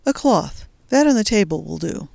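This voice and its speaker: A daring young resistance fighter, voiced by a reader, who talks in a brisk, determined way. He stays tender with his sweetheart, and his lines come through clean and dry, with no room sound, like a close storybook reading. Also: mid-range voice, big pitch swings, gravelly, darkish tone, dry recording. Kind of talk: audiobook character voice.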